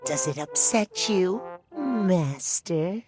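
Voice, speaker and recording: A woman's voice: on the low side, animated, very slow. A woman voicing a sleepy, playful, catlike male clock spirit in a video game, drowsy and teasing. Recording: clear music underneath.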